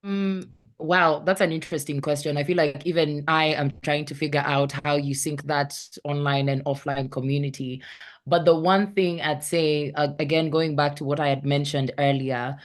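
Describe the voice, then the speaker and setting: A woman with a Kenyan accent, a content creator, chats casually on an online panel in a low-pitched, steady voice at a moderate pace. She often searches for the right word and acts out her anecdotes.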